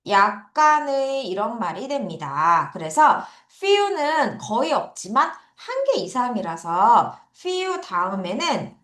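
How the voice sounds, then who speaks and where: A woman teaches an English vocabulary lesson in an unhurried, sing-song way, her pitch rising and falling a lot. She coaxes students to repeat each word after her. The room is echoey. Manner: lively, coaxing students to repeat words. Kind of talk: online lesson.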